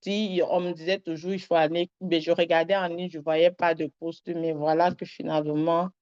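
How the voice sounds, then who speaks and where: A woman's voice: fairly low pitch, little pitch movement, moderate pace, darkish tone, smooth. A young woman sharing a personal faith testimony, rambling and earnest with many fillers. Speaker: testimony giver. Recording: dull lo-fi sound.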